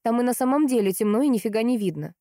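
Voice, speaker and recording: A woman reading an audiobook voices a calm, conciliatory young wife who speaks gently and evenly. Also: fairly high pitch, fast talker, no echo, studio quality, pitched above the performer's own voice. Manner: gentle, soothing and level.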